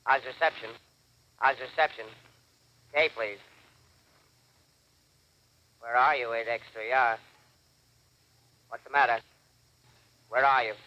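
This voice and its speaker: A man's voice: medium pitch, steady tone, slow pace, pauses often, pushed and bright. An actor playing a male ham radio operator, heard over a ham radio link, who talks in clipped bursts and repeats call signs in a 1930s radio drama. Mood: anxious. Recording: dull lo-fi 1930s radio broadcast.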